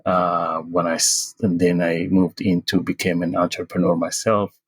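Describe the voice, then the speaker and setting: A middle-aged man, born in Sudan and raised in the US, answering interview questions slowly and hesitantly, with many pauses. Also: low voice, little pitch movement, husky, no room sound. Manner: hesitant, many fillers and restarts, slow pace. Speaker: interview guest, tech consultant.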